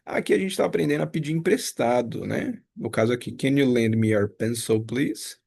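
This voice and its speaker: A man's voice: medium pitch, moderate pace, vocal fry, darkish tone, breathy edge. A man teaching a casual review lesson. He talks patiently, explains step by step and repeats each example. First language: Portuguese.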